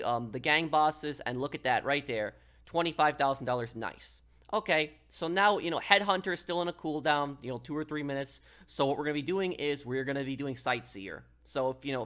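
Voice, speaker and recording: In the manner of an online gaming guide host, a man with a medium-pitched, fairly bright voice walks through a casual, step-by-step gameplay tutorial.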